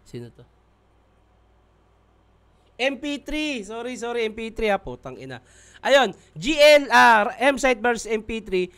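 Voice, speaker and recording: A man hosting a rap battle reaction video with casual commentary, excitable, swearing often and apologizing a lot. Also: very high voice, measured pace, vocal fry, long pauses, clean tone.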